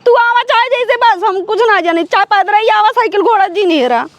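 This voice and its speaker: A woman's voice: extremely high pitch, moderate pace, sharp tone. A woman playing a combative, complaining village wife of a drunkard, with an Awadhi accent, in an amateur comedy sketch. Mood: aggrieved pleading.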